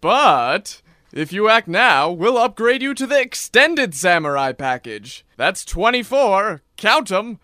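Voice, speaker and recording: A man's voice: big pitch swings, takes it slowly, pushed and bright, no room sound, studio quality, heavily acted. A man doing a hard-sell announcer voice in a spoof infomercial within a radio comedy. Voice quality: hard-sell, booming salesman delivery. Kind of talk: mock infomercial pitch.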